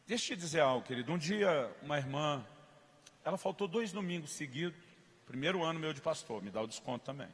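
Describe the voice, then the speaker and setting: A man from Brazil preaching a sermon as pastor, telling stories and acting out dialogue, rising to loud emphatic peaks. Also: on the high side, lively intonation, fairly quick. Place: church hall. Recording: reverberant church hall.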